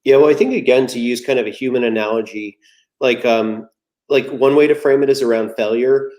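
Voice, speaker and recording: A man's voice: mid-range voice, a little fast, darkish tone. A man in his forties, a guest in a casual conversation, explaining his ideas in an easygoing way with analogies and personal stories.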